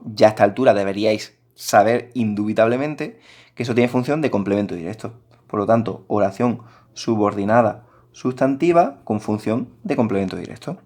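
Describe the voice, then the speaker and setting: Man teaching grammar, low voice. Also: a little mellow. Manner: explanatory, patient, addresses students directly. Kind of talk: recorded grammar lesson.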